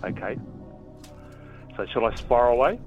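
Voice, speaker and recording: A man's voice: mid-range voice, animated, unhurried, soft background music. A man calling in to a radio contest over a phone line, as if on a Bluetooth headset, who talks hesitantly and thinks aloud with restarts. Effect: heard over a phone line, first asked if he is on Bluetooth. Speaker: radio competition caller. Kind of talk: casual phone-in chat.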